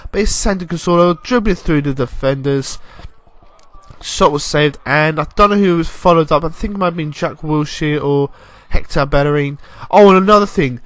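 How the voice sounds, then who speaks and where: Young guy commentating his football game, chatty and excitable, a touch high-pitched, dry sound. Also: no echo. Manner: chatty, rambling, excitable bursts, mild swearing. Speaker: gaming YouTuber.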